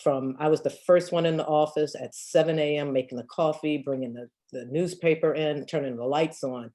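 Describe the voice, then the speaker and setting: Speaking fairly quickly in a low, dark voice with a steady tone, a woman in her fifties works in real estate and fields questions. She tells her answers as emphatic stories, laughing frequently, in a casual Q&A.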